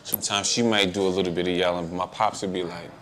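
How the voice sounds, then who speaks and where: A man in a candid group discussion, speaking in a relaxed, easygoing way. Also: deep voice, fast talker.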